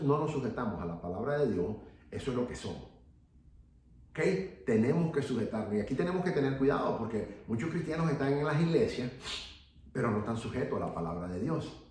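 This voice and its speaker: A man's voice: mid-range voice, darkish tone, a little hiss or hum. A man teaching a church Bible class in an earnest preaching tone, often repeating key phrases and checking in with "ok". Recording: echoey room, voice from a distance.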